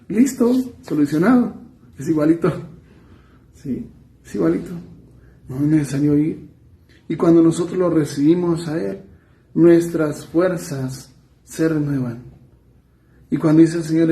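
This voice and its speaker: Colombian priest preaching in an echoey room. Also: male voice, fairly high pitch. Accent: Colombian Spanish. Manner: conversational preaching, soft trailing asides, quick runs then slow emphasis. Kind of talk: sermon.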